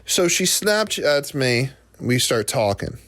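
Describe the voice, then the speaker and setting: Animated young man telling a story. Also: mid-range voice, slow pace. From New Jersey. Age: 20s. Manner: animated, acts out quoted voices. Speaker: podcast host. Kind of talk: comedic storytelling.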